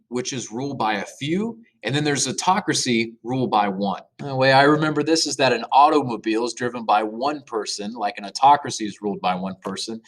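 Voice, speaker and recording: A man teaching a government class in a casual, jokey, conversational way. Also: medium pitch. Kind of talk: classroom lecture video narration.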